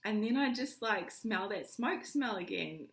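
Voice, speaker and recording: A young woman tells a personal story in a casual vlog, lively and laughing as she acts out what people said. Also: medium pitch, unhurried, vocal fry. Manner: animated, laughing, acts out quoted lines. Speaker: vlogger. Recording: echoey room.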